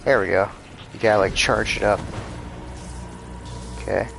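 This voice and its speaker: A low-voiced man with a gravelly edge to his talk narrates his gameplay live. He mutters and reacts with casual frustration. Faint game music plays underneath. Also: fairly even intonation, a little slow. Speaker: streamer playing a video game.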